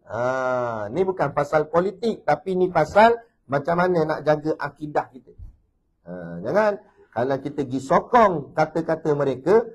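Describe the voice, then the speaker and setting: A man with a Malaysian Malay accent giving a religious lecture, animated, breaking into loud emphatic bursts and often dropping in "ha". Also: fairly high pitch, rough recording. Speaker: religious teacher.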